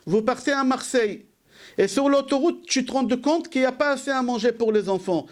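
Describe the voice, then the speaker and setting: A rabbi giving a sermon, who asks rhetorical questions, answers them himself and repeats key phrases for emphasis. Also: male voice, very high voice.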